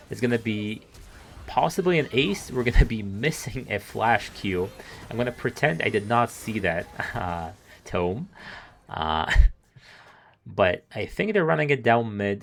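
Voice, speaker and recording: This male esports caster works alone on live commentary, his mid-range voice a bit bright and starting to wear thin. He analyzes and muses aloud, chuckling between his thoughts.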